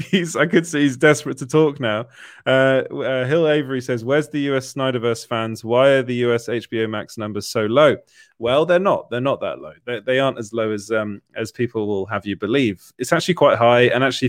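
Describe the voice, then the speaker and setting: A man's voice: mid-range voice, no echo, clean studio sound. A man hosting a casual live stream, reading chat comments aloud with lots of fillers and laughter. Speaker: livestream host reading chat.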